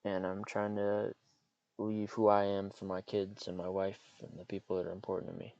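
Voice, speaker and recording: A young adult man hosting a solo podcast from a parked car, rambling and hesitant with many fillers, speaking in a monotone. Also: on the low side, moderate pace, no room sound, highs cut off. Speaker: podcast host. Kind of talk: casual solo podcast monologue. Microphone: computer mic.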